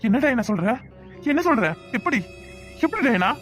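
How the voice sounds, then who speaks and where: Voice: mid-range voice, very animated, moderate pace, fairly bright tone, soft background music. A voice actor playing a worried young husband in a village cartoon, who speaks in an anxious, pleading way. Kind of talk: Tamil village cartoon voice acting.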